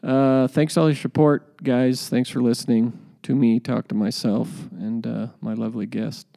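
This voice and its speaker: A man with a relaxed, creaky voice hosts a podcast. He talks casually and hesitantly, musing in loose, informal buddy slang. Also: medium pitch, normal speed. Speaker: podcast host. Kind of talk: casual, rambling podcast talk.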